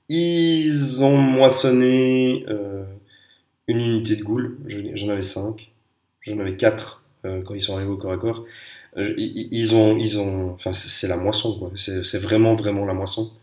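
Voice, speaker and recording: A man giving a casual spoken review of tabletop wargame units, pausing often with fillers and restarts and sharing strong opinions. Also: lowish voice. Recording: echoey room.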